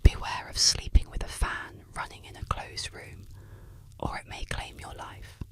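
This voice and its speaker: Someone whispering spooky legends asmr style, breathy and bright, reading it like a suspenseful story. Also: a little slow. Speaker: narrator. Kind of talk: whispered ASMR narration of eerie urban legends.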